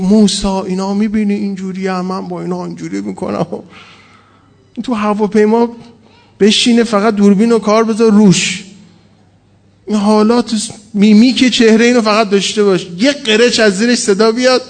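Animated high-voiced man preaching. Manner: animated, humorous storytelling, acts out quoted dialogue. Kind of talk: sermon. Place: mosque or religious hall at a pulpit.

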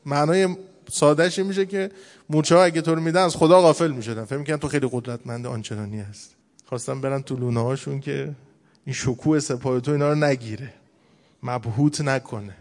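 A man giving a casual, conversational religious sermon as a preacher, telling stories and slowing down to recite scripture. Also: medium pitch, fairly even intonation, big-room sound.

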